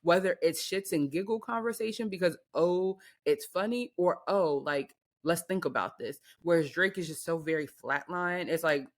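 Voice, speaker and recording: A woman's voice: fairly low pitch, normal speed, hardly any pauses. An American woman co-hosting a podcast, chatting casually and emphatically in slangy speech with pointed rhetorical questions. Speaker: podcast co-host. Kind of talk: casual opinionated chat.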